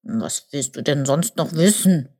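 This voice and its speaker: Woman playing a slow, grumbling, forgetful old buffalo for a storybook, lowish voice. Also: expressive, mellow, heavily acted. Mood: grumbly.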